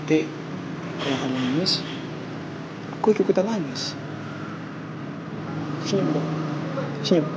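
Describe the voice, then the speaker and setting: A man's voice: on the high side, expressive, unhurried, long pauses, very noisy. An actor playing an earnest young college student who reassures his girlfriend tenderly. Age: young adult. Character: earnest young college boyfriend, sweet talker.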